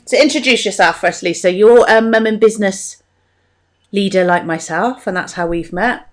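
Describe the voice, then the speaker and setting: A woman's voice: medium pitch, normal speed. Chatty, rambling British female podcast host. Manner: rambling, self-interrupting, informal. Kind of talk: casual chatty interview.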